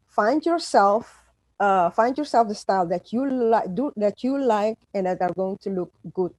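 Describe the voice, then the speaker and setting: A middle-aged woman from Suriname, native in Dutch, speaks as an author guest in a conversational interview, emphatic and frequently restarting. Her voice is medium-pitched with a dark tone, and the audio is poor though without echo.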